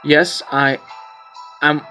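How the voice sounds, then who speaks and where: A man's voice: fairly high pitch, fairly even intonation, very slow, pushed and bright, faint music behind. A man playing a story game, reading its text aloud in a casual way, often repeating words, and chatting between the lines. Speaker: gameplay streamer.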